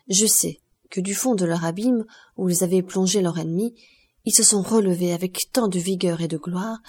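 A woman's voice: on the low side, mellow, husky. A woman reading the part of an earnest young nobleman of twenty-two, speaking with firm, emotional resolve.

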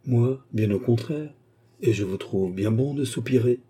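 A man's voice: mid-range voice, a little slow, mellow, husky, voice pushed up. A man voicing a jovial, effusive old nobleman who loves hunting, in a storybook reading. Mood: hearty. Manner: hearty and effusive. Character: jovial old male country nobleman and hunter.

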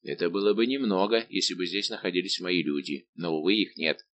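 A man voicing a big, good-natured, simple-minded old musketeer baron, talking slow and booming. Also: fairly bright tone, no room sound. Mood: hearty.

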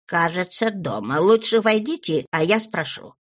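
Woman voicing a curt old woman's disembodied voice from the dark. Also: on the low side, animated, normal speed. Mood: grudging. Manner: curt, clipped replies. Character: gruff old woman speaking unseen from a dark hallway. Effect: disembodied voice from out of the darkness, distant. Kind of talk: audiobook narration of a classic novel.

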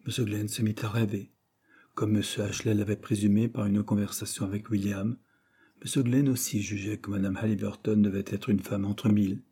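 A man narrating an audiobook in a calm, measured storytelling voice. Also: fairly low pitch, slightly rough. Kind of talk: scripted narration.

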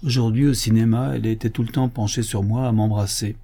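A sullen, cornered young clerk, as a man reads him, defensive and curt. The voice stays mellow and dark, close to the reader's own, an audiobook character voice. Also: fairly low pitch, steady tone, a little fast. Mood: confessing.

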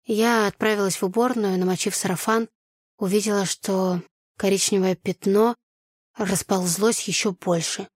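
A woman narrating a first-person novel in an even, storytelling delivery. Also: mid-range voice, normal speed, no room sound, clean studio sound. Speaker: audiobook narrator.

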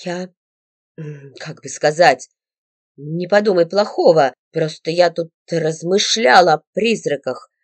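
A woman's voice: fairly low pitch, slow pace, dry recording, voice pushed down. A woman voicing a young man who talks hesitantly, then earnestly. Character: young man, frightened but devoted. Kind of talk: audiobook character voice.

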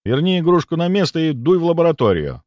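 A man's voice: fairly high pitch, wildly swooping pitch, normal speed, no echo, voice pushed up. A man voicing a cool, commanding young hero. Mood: stern, mocking. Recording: dull lo-fi dry audiobook recording.

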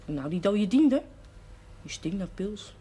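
A woman plays a brash, cheerful young pregnant woman in a television period drama, slangy, unashamed, defiant and frank. Her medium-pitched voice is warm and slightly rough, with lively intonation at a measured pace. The old television soundtrack is noisy.

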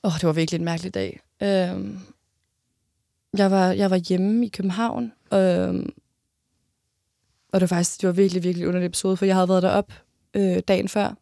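A woman in her twenties telling a personal story in an interview, halting, with many restarts and pauses. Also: fairly low pitch, steady tone, gravelly, warm tone, no echo, studio quality.

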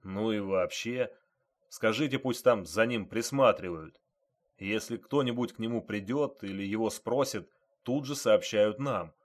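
A man's voice: lowish voice, unhurried, natural voice. A man voicing a stern male police major who barks brusque, scolding orders.

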